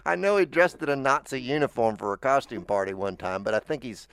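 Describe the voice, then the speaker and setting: A man's voice: medium pitch, a little fast, a bit bright, clean tone. An American man chatting casually as a show host, rambling and stammering through restarts. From United States. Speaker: podcast host. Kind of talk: casual chat.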